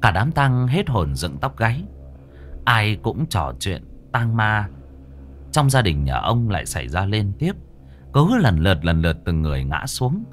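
A man narrating a ghost story in a slow, somber way. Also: fairly low pitch. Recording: faint music behind the voice.

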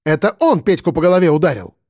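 A man's voice: a little high, very animated, fast talker, a little mellow, no room sound, studio quality, voice pushed up. A man reading an audiobook, voicing a young woman who shrieks her accusations in hatred. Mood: furious. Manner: screeching, accusing.

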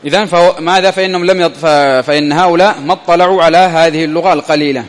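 High pitched guy from ethiopia teaching grammar, reads a passage out louder then explains, keeps throwing questions at the class. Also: steady tone, very fast. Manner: keeps asking rhetorical questions to prompt the students; reads quoted passages louder and higher than his explaining. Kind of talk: classical grammar lesson, reading a text aloud and explaining it.

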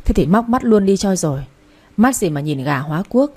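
A woman's voice: mid-range voice, lively intonation, normal speed, dark tone, husky. Woman reading a coaxing young husband. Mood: defensive. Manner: coaxing, insistent. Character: young husband, pleading and teasing his wife.

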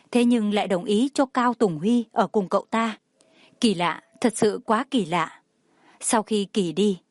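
A woman's voice: medium pitch, dry recording. Woman narrating a story, dry close sound. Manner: steady storytelling. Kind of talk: scripted audio-novel narration.

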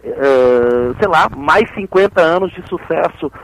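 Guy hosting a radio show, lots of uhs, teasing, fairly high voice. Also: lively intonation, unhurried, rough recording. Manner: hesitant, many fillers, playful teasing. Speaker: radio host. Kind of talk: radio interview.

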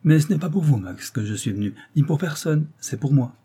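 A man's voice: a little high, animated, brisk, warm tone, husky, voice pushed up, full character voice. A man reading as a proud, cold young woman. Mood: cool, proud. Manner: cold, dry delivery.

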